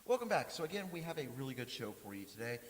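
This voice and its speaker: A man hosting a casual podcast, animated and joking, laughing often. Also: medium pitch, very fast, soft background music. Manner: lively, laughs often, jokey. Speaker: podcast host. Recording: hissy audio with long reverb.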